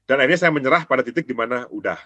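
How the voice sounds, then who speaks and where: A man hosting a casual chat about trading, animated, often acting out other traders' quoted words in raised voices. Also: mid-range voice, racing, no room sound, highs cut off. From Indonesia. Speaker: trading show host.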